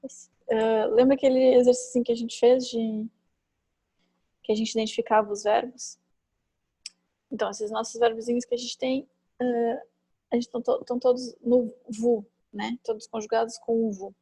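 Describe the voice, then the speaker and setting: A woman teaching a French class online, chatty and thinking aloud, with many fillers and quick tag questions, on a computer mic. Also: fairly high pitch, little pitch movement, mellow, slightly rough, dry recording, low-quality recording. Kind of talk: online class, explaining grammar.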